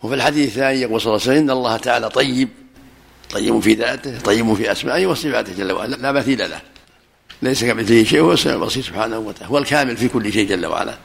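A man's voice: mid-range voice, rapid-fire, creaky, a bit bright. A man giving a religious lesson, explaining hadith and answering students' questions, repeating key phrases for emphasis. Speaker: religious scholar teaching hadith.

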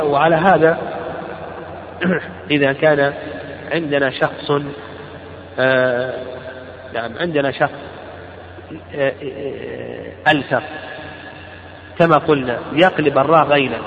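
A man's voice: on the high side, a little hiss or hum. Man teaching a text lesson in an echoey hall. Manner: reads the text aloud slowly, then explains and repeats. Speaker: teacher of Islamic law. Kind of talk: classical text lesson with explanation. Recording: roomy hall recording, dull sound, crowd behind.

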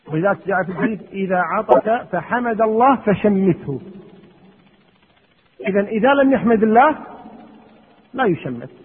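A man's voice: high-pitched, slightly rough. A man giving a religious lesson, asking questions and answering them himself. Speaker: Islamic teacher. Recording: muffled lo-fi with long hall echo.

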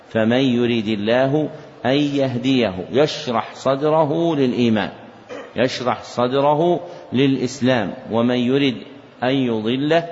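A man's voice: medium pitch, a little mellow, slight background noise. Man dictating a lesson in a reverberant hall. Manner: repeats each phrase slowly for note-taking; recites verses in a chanted tone. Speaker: religious teacher. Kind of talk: dictated lesson explaining a text. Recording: dull lo-fi recording in a reverberant hall.

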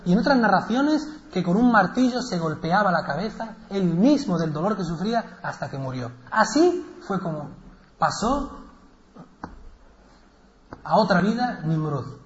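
A man with a Spain Spanish accent telling a religious story as a lesson, lively and animated, with asides to his listeners. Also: high voice, unhurried, echoey room, dull audio.

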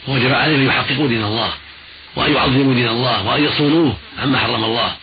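A man giving religious instruction in formal Arabic as a scholar, didactic and repeating points for emphasis. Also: medium pitch. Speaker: Islamic scholar answering listeners' questions. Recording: noisy, dull old radio recording.

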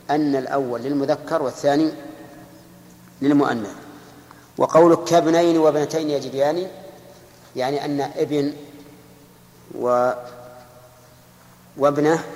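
A man's voice: mid-range voice, a little mellow. Man teaching in an echoey hall. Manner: slows down to dictate quoted verses and examples; asks the class questions and repeats key points. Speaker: grammar teacher. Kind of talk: classroom lesson explaining verse text. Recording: echoey hall with long reverb.

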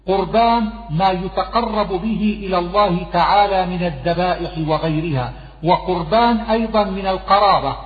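A man reading a scholarly text aloud, listing word meanings at a steady, measured pace. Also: high-pitched. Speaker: reader of a Quranic glossary. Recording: phone-like sound in an echoey hall.

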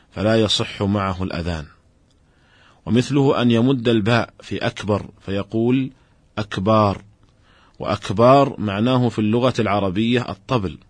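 Low-ish male scholar voice, dry close mic, calm steady teaching. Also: no room sound. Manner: measured, explanatory, addresses listeners directly. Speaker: Islamic scholar giving a lecture. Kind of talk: formal religious lesson.

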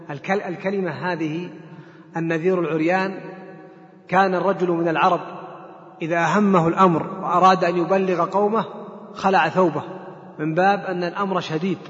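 A man teaching scripture in a lecture, explaining points step by step and posing questions to his listeners before answering them. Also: high-pitched. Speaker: Quran teacher. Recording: echoey hall, dull lo-fi sound.

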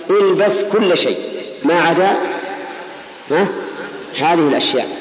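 A man gives a religious lecture as a scholar, teaching didactically through questions and answers and repeating key phrases. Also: on the high side. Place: large reverberant room with ambient noise. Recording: echoey hall, muffled, noisy recording.

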